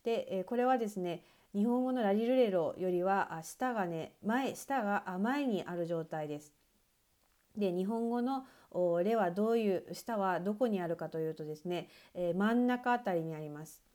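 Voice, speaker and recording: Mellow-voiced woman teaching pronunciation. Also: medium pitch. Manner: patient, many fillers and "desu ne" pauses. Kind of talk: explanatory online lesson.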